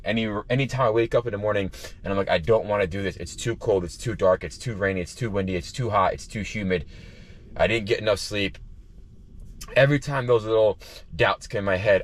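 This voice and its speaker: A man with a fairly low voice vlogs outdoors while running. He talks casually and earnestly to his viewers, often repeating a phrase to drive it home. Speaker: running vlogger. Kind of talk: casual vlog talk to viewers. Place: outdoors by the ocean.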